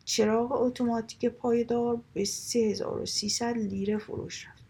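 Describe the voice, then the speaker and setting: A woman narrates a comic short story with dry, wry timing and slips some asides into a half-whisper. Her voice is very breathy and husky, with a gravelly fry and a dark, mellow tone. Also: fairly high pitch, fairly even intonation. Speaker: story reader.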